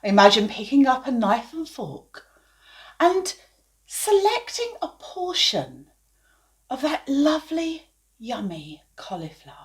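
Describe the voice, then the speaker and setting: A woman's voice: sits high, very animated, slow pace. A woman teaching hypnotherapy, explaining and then demonstrating dramatic aversive suggestions in a hypnotic voice.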